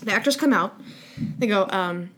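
A woman's voice: sits high, animated, a little fast, a bit bright. A woman co-hosting a podcast, riffing and giggling through crude jokes in casual chat. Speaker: podcast co-host.

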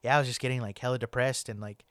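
A man's voice: medium pitch, fairly even intonation, racing, a bit bright, no room sound. A young man hosting a podcast, chatting casually and rambling with lots of "like" and "man". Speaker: podcast host. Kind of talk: casual chat.

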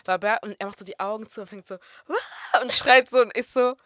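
A young woman telling a story in casual podcast chat, lively and animated, acting out what people said and dropping in English and French phrases. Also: on the high side, fast, dry recording, clean studio sound.

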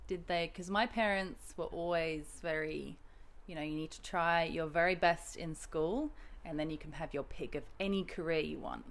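A woman's voice: sits low, normal speed. A woman in her late twenties hosting a podcast, chatty and laughing often in casual conversation. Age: 20s. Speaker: podcast host. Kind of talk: casual chat.

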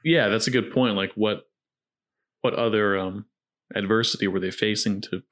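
A man's voice: on the low side, steady tone, moderate pace, fairly bright tone. A man hosting a casual film commentary, talking in a jokey, conversational way. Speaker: podcast host.

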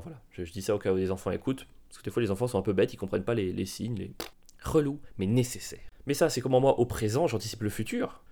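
A man in his thirties hosts a comedy podcast, spinning absurd stories in a flat, deadpan delivery. He slips in cheeky, provocative asides without changing his tone, and his voice sits in an ordinary middle range. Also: mid-range voice. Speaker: podcast host.

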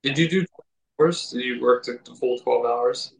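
A man hosting an interview, asking relaxed questions and giving brief replies. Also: mid-range voice, moderate pace, gravelly, recorded from a distance. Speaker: interview host. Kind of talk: casual interview chat. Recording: echoey room, off-mic.

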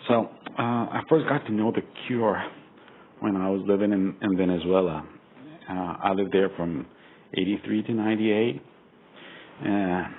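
Listener from Costa Rica, forties, measured storyteller with a very low voice, on a thin, phone-like recording. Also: male voice. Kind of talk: recorded personal message. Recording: tinny lo-fi recording with faint hiss.

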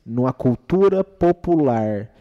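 A man with a Brazilian accent gives his opinions casually on a podcast, using slang and plenty of rhetorical check-in questions. His medium-pitched voice has lively intonation and a slow pace. The recording is muffled and echoes as though in a reverberant, hall-like room.

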